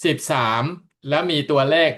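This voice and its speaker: A man interpreting a talk into another language in steady, continuous stretches after each passage. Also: moderate pace. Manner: steady, continuous rendering of the speaker's points. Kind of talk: consecutive interpreting.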